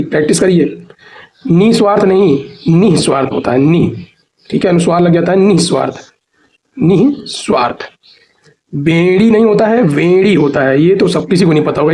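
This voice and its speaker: A man's voice: on the high side, a little mellow. A man teaching an exam preparation lesson who reads out word lists and repeats each answer. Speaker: Hindi teacher.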